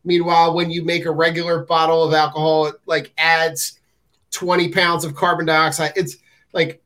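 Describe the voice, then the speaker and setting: A man with a notably high voice chats casually on a podcast among friends. He teaches science and often restarts his sentences, repeating words as he goes. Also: level tone, moderate pace, a bit bright, poor audio.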